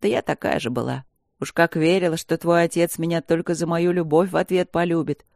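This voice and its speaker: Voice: medium pitch, steady tone, brisk, gravelly, a little mellow, no echo, studio quality, lightly acted. A reader voicing a blunt, worried older mother who scolds her grown daughter tenderly, in an audiobook. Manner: plain-spoken, scolding and tender.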